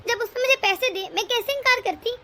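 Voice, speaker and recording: A woman's voice: very high-pitched, a little fast, bright, forceful tone, a little hiss or hum, exaggerated voice. A woman voicing a browbeaten middle-aged wife in a cartoon story, complaining and pleading. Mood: defensive. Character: browbeaten middle-aged wife, long-suffering daughter-in-law. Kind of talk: cartoon voice acting.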